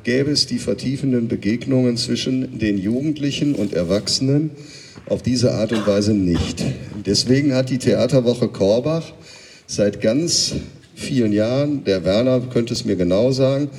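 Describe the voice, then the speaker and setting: A man giving a formal speech in a sports hall, measured and deliberate. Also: medium pitch, a little mellow. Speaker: event speaker. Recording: reverberant hall from a distance.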